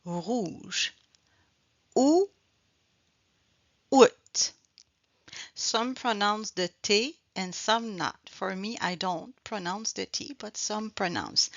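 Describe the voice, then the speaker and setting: Woman, patient bilingual pronunciation teacher, drawn-out deliberate delivery, lo-fi sound. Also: medium pitch, sharp tone, no room sound. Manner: slow, careful, repeats each sound and word twice; switches between French and English explanations. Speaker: French teacher. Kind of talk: slow bilingual pronunciation lesson. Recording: dull, slightly lo-fi dry recording.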